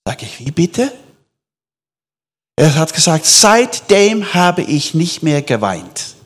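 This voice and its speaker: A man preaching with a lively, swooping voice that sits a little higher than most men's. He jumps from loud, emphatic questions to hushed, almost whispered asides. He tells stories to his listeners as a sermon. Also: breathy edge. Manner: animated, swings between loud emphasis and near-whispers.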